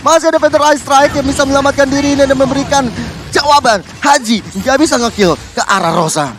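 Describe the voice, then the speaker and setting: A man shoutcasting live game play-by-play as an excited fighting game announcer. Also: extremely high pitch, quick pace. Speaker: esports shoutcaster. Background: noise.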